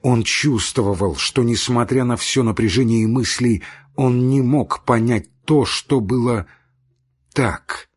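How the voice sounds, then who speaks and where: A man reading a literary novel aloud as an audiobook narrator, in a measured, even delivery. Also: mid-range voice, husky.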